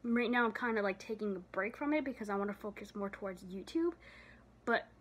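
A woman's voice: medium pitch, fairly quick. A tired, breathless young woman vlogging casually into her phone, rambling with lots of fillers and trailing off. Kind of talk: casual vlog chat. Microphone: phone camera.

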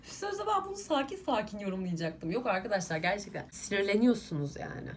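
A woman's voice: medium pitch, very animated, brisk, a little hiss or hum. Irritated young woman ranting on her vlog. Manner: irritated, emphatic, ranting to viewers. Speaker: beauty vlogger. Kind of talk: casual vlog rant while doing makeup.

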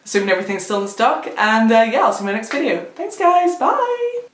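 A woman's voice: on the high side, very animated, fast talker. Chatty woman in echoey room. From United Kingdom. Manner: chatty, giggly, many fillers. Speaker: vlogger. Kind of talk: casual haul video. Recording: echoey room, faint noise.

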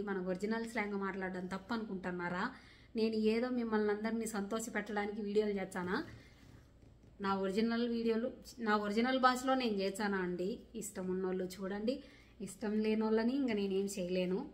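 A woman's voice: mid-range voice, fairly even intonation, fairly quick. A young woman from Rayalaseema with a Rayalaseema Telugu accent, answering viewer questions in a casual vlog in an earnest, rustic village way of talking. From Rayalaseema, India. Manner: earnest, rustic village dialect, defends herself plainly. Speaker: vlogger.

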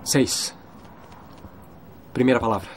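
A man dubbing an earnest young groom in a film, guessing quickly and excitedly. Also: medium pitch, a little hiss or hum, natural voice. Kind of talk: dubbed film acting.

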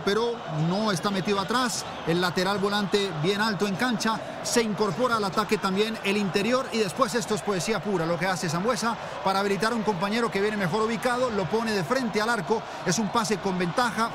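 A man analyses a football match in a high voice at a quick pace. He explains tactics with emphasis. There is clear stadium noise behind the broadcast. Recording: broadcast over noisy stadium ambience.

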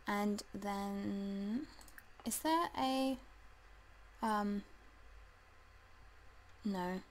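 Woman gamer, slow easy delivery, lots of ums, chats to her sims, faint hum and mouse clicks behind. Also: medium pitch, poor audio. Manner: chatty, hesitant with many ums, talks to the game figures. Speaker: let's play gamer. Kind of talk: casual gameplay commentary.

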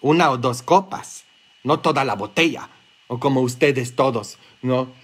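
A man with a Mexican Spanish accent, preaching a sermon as a priest in a joking, conversational way with quick asides. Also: mid-range voice, breathy edge.

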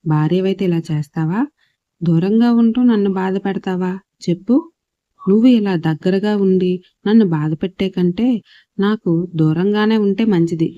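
A man's voice: sits high, normal speed, warm tone, no echo, close to an everyday voice. A woman narrator voicing a distraught blind young husband, bitter and pleading, on a dull lo-fi recording.

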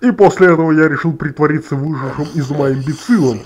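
A man's voice: fairly high pitch, fast talker, a little mellow, close to an everyday voice. A man voicing a self-satisfied young cat scientist, explaining formally and pompously in a noisy parody cartoon. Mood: smug, matter-of-fact. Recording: noisy home-made cartoon soundtrack.

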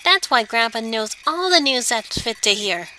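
A woman's voice: fairly high pitch, expressive, normal speed, bright, forceful tone, soft background music, voice pushed up, poor audio. A woman voicing a naive, eager young tadpole boy from a video game, exclaiming in a childlike way. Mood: excited. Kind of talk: video game dialogue read aloud.

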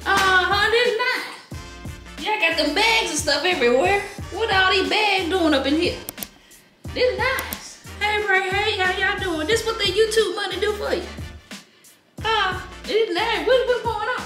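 Sketch figure: a gossipy old grandma, high and piping, echoey house, music under. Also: female voice, unhurried. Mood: nosy. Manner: high, nosy, chatty questioning. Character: nosy old grandmother visiting, loud and gossipy. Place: indoors in a house.

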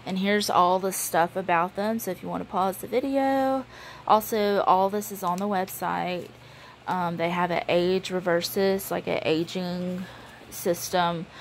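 A woman's voice: on the low side, a little hiss or hum, low-quality recording. A woman, chatting casually through a show-and-tell vlog with lots of ums. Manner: chatty, relaxed, many ums. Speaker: beauty vlogger.

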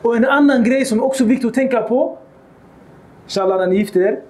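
Male lecturer, high voice, animated, quotes in arabic, echoey hall. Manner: animated, acts out quoted dialogue; mixes Arabic quotations into Swedish. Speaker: Islamic lecturer. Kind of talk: lecture on the life of the Prophet.

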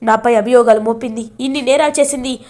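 A distraught young man stammers out his words in a high, raised voice, as voiced by a woman. He keeps repeating himself, agitated and grieving. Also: steady tone, fast talker, a little mellow, natural voice.

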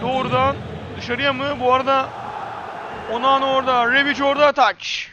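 A man doing live football play-by-play as an excitable commentator who screams players' names at big moments. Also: extremely high pitch, normal speed, lo-fi sound, noisy background.

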